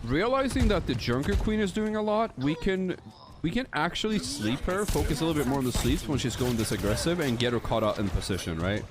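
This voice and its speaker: Lively blunt male game coach. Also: on the high side, a little fast. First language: Swedish. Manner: blunt, nitpicky, profane, talks to chat. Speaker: game coach reviewing a player's replay. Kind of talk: streamed coaching commentary.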